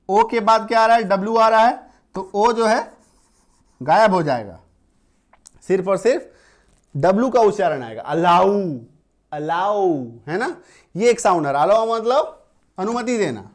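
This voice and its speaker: Hindi-speaking male English teacher, repetitive. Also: sits high. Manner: spells words letter by letter, repeats rules, keeps checking understanding. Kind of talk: classroom-style spelling lesson.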